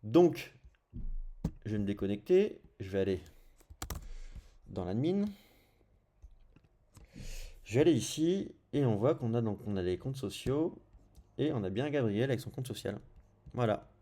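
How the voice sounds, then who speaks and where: A man's voice: mid-range voice, animated, measured pace, long pauses, dark tone. A man with a French accent giving a casual screencast coding tutorial, thinking aloud as he clicks through settings and saying little fillers like "hop" as he goes. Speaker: programming tutorial host.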